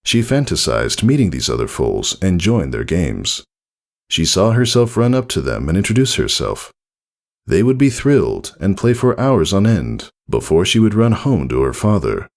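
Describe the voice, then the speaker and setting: The voice is a man's, low and gravelly, narrating a piece of fan fiction. His delivery is deliberate and measured, while rising and falling inflection keeps the storybook writing flowing.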